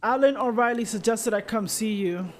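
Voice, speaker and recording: A curious young woman traveler from a story game, as a male streamer reads her lines. The voice sits high and stays plain and direct as she asks question after question. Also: moderate pace, close to an everyday voice. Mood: inquisitive.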